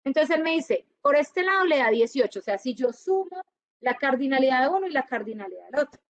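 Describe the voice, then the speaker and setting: A woman teaching a university class, lively and often checking whether her students follow. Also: high voice, brisk, dull audio, slight background noise. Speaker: university lecturer. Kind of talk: classroom lecture.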